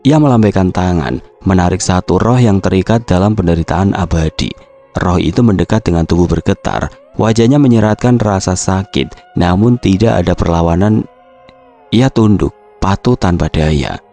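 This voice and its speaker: Seorang pria membacakan cerita horor dengan gaya bercerita yang dramatis dan terukur. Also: male voice, low voice, mellow, soft background music. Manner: measured, dramatic storytelling. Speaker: horror story narrator. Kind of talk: dramatic horror story reading.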